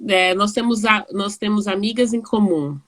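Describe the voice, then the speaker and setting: A woman in her forties from São Paulo with a São Paulo Brazilian Portuguese accent, chatting warmly as host of a live video call, with frequent restarts. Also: mid-range voice, moderate pace. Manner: chatty, warm, laughing often, many restarts. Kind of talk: casual video call chat.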